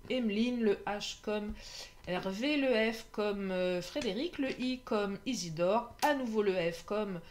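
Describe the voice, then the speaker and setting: A woman giving a casual, chatty tarot reading to her viewers, often laughing and pausing on filler sounds. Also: medium pitch, a little hiss or hum. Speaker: tarot card reader.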